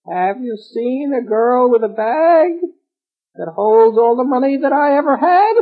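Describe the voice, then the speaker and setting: A cruel old witch, as a man puts her on for a folk tale told aloud, her voice pitched high and husky. She stretches out her threats slowly and menacingly. The sound is thin and tinny, as if over a phone line. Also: animated, exaggerated voice. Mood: wheedling. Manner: drawn-out, menacing, cackling delivery.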